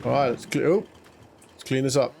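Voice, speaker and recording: A man who speaks Afrikaans as his first language talks fairly quickly while playing a farming game, rambling, muttering to himself, and chuckling in the manner of a gaming YouTuber's casual let's-play. His mid-range voice is darkish with vocal fry, and a little hiss or hum sits in the audio.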